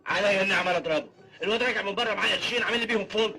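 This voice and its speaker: Scolding Egyptian man, sharp, very fast. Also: sits high, animated. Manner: scolding, heated. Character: angry scolding man, quarrelsome.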